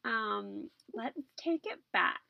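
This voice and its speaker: An American woman in her twenties hosting a casual podcast in a bubbly, slangy, teasing way, with a creaky voice, sounding muffled in a closet. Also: on the high side, animated, slow pace, no echo. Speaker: podcast host. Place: small closet, seated on floor pillows. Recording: muffled, dull closet recording.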